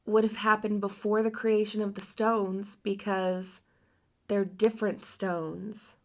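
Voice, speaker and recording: A woman's voice: mid-range voice, flat delivery, slow pace, darkish tone. A woman co-hosting a podcast in casual chat, sleepy, curious and full of questions. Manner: curious, asks questions, uses fillers. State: sleepy, yawning. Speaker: podcast co-host.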